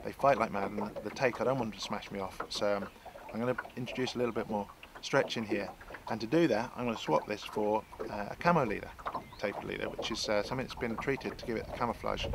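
Wind and water noise surround a fishing guide in his sixties as he chattily walks through his tackle setup from a small lake boat, restarting often in this how-to demo. His lowish voice has vocal fry, and he talks quickly with hardly any pauses.

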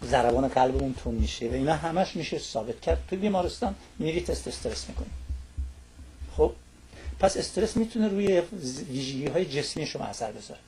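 Speaking in a mid-range, expressive voice with a darkish tone, a talk show guest explains a topic through long lists and frequent little tag questions aimed at his listener. A little hiss or hum can be heard on the recording.

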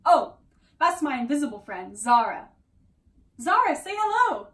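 Young woman acting high-pitched lonely teenage girl. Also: big pitch swings, measured pace, fairly bright tone, exaggerated voice. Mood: chatty, eager. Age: young adult. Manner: theatrical, wistful, earnest. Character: lonely teenage girl confiding in her invisible friend. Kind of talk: dramatic monologue performance. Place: small room at home, indoors. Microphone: camera a few metres away. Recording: distant microphone in a room.

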